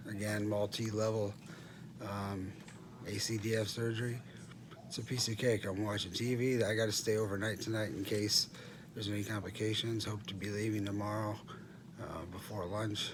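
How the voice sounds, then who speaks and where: Low-voiced, halting middle-aged man, noisy room. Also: little pitch movement. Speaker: patient recording a post-surgery update. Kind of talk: casual vlog monologue. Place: hospital room. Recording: clearly noisy room ambience.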